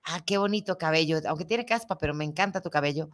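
A greedy young husband sweet-talking for gold, as a woman puts him on. He flatters, then slips up. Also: low-pitched, quick pace, close to an everyday voice. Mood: flattering.

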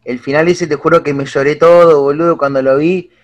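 Young Argentine man, casual chat, excitable and slangy, slightly high voice. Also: a little fast. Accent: Argentine Spanish. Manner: excitable, slangy, animated retelling.

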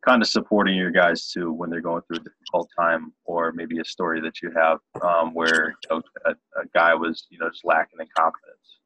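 A man's voice: sits low, completely flat delivery, moderate pace, pushed and bright. A man hosting a podcast, asking questions hesitantly with many fillers. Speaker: podcast host. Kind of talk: interview questions. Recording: dull dry sound.

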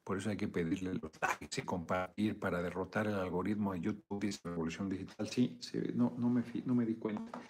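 A man's voice: low voice, steady tone, a little fast, breathy edge. A man with a Mexican accent hosting a casual live video chat, joking, swearing freely and thanking viewers for donations.

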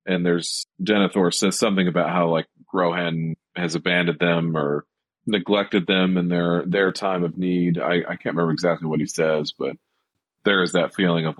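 A man's voice: low voice, no room sound. A man co-hosting a podcast, talking about a film in casual chat and rambling with lots of fillers. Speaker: podcast co-host.

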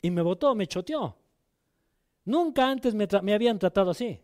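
High-voiced pastor preaching with emotion. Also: male voice, lively intonation, normal speed. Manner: emotional storytelling, swings between loud exhortation and quiet low asides; addresses the congregation with direct questions. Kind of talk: sermon with personal testimony.

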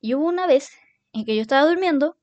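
A young woman in her twenties with a Chilean accent, telling stories in a casual, animated monologue and swearing freely. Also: high-pitched, fast, dry recording, dull audio. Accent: Chilean Spanish. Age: 20s. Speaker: podcast host.

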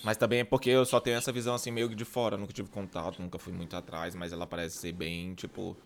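A man's voice: low-pitched, flat delivery, fast talker, a little hiss or hum. A man hosting a podcast in casual chat, playful and peppered with camp slang. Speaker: podcast host.

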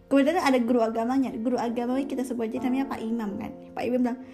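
A woman's voice: fairly high pitch, steady tone, racing, over music. A woman casually retelling a story, chatty and often correcting herself mid-sentence. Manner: chatty, with frequent self-corrections and fillers.

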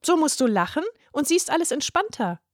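A woman's voice: high-pitched, sing-song, fairly quick, no echo, clean studio sound, voice pushed up. A woman voicing a chirpy little girl. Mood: cheerful. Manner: chirpy, teasing, sing-song. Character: cheerful freckled little girl, playful and bright. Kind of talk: storybook reading.

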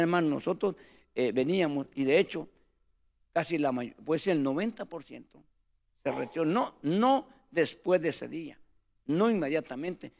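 A preacher with a slightly high, creaky, darkish voice shares a testimony about his ministry. His tone is earnest, and he repeatedly calls his listener brother, "hermano."

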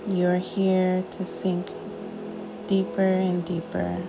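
A woman guides a sleep meditation like a sleep story narrator, soothing and unhurried, with long pauses between short phrases. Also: on the low side, monotone, gravelly, noisy background. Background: music.

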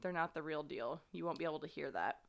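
A woman's voice: deep voice, fast, gravelly. A woman hosting a podcast, casually recounting a true-crime story with plenty of fillers and an earnest tone. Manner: conversational, many fillers, earnest. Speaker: podcast host.

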